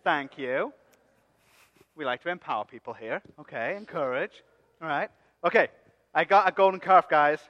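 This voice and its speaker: A man's voice: fairly high pitch, normal speed, pauses often, close to an everyday voice. A man playing Aaron as a cocky, joking leader who coaxes the crowd in a comic church skit. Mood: playful scheming. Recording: dull sound with long hall reverb.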